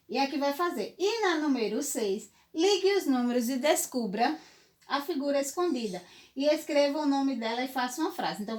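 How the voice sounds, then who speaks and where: A woman teacher giving a recorded lesson to young children, patient and step by step, often checking in with the class. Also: high-pitched. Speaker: primary school teacher.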